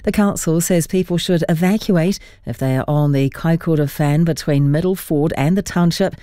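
A woman's voice: sits low, moderate pace, dark tone, dry recording, clean studio sound. A woman with a New Zealand accent reading a scripted radio news bulletin. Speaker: newsreader.

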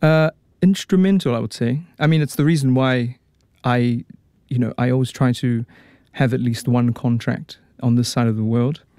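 A man talks easily as an interview guest, his voice mellow and warm. He circles back with fillers and restarts, and the sound is dry and close. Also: mid-range voice, fairly even intonation, moderate pace, no echo. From New Zealand. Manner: chatty, frequent fillers and restarts. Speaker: opera tenor guest. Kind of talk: casual radio interview.

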